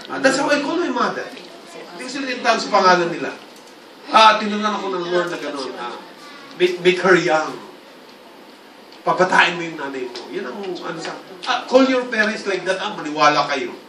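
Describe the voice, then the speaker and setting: A male pastor giving a lively church sermon, often calling out for the congregation's response. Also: sits high. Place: church hall. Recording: roomy hall, distant mic, congregation sounds.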